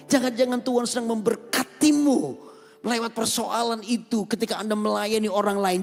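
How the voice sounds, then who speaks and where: A man, a pastor preaching an emotional, animated sermon at a large service. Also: sits high, vocal fry, breathy edge. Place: large venue, rooftop church service. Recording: reverberant hall with music.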